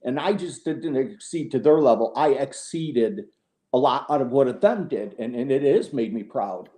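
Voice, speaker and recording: A man's voice: medium pitch, lively intonation, normal speed, warm tone. Frank middle-aged man in an echoey room. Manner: frank and sarcastic, with many restarts. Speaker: podcast guest. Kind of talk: candid conversational interview.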